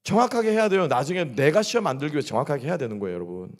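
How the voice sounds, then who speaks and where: This pastor's voice is fairly high, very animated and racing as he preaches at a midweek service in a church sanctuary. He keeps asking the congregation questions and supplying the answers himself.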